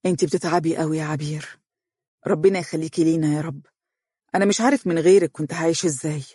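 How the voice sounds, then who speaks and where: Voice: medium pitch, rapid-fire, no room sound, close to an everyday voice. A storyteller voicing a joking, affectionate husband in Egyptian dialect, close to the reader's own voice. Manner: warm joking, mock-stern. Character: joking, affectionate husband who plays stern. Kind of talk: storybook reading.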